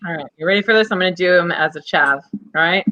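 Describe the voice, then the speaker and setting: A woman's voice: fairly low pitch, fast talker, bright, forceful tone, lo-fi sound. A young woman co-hosting a live podcast from home, chatting playfully and joking around. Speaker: podcast co-host. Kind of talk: casual chat on a live show.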